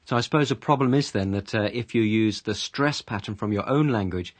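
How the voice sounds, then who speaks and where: A man's voice: on the low side, fairly quick, no room sound. Man presenting a radio lesson. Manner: conversational, asks questions.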